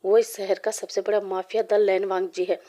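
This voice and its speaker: A woman voicing a worried male college teacher, talking in an urgent, warning way, with a mellow, flat voice. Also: medium pitch, normal speed, close to an everyday voice.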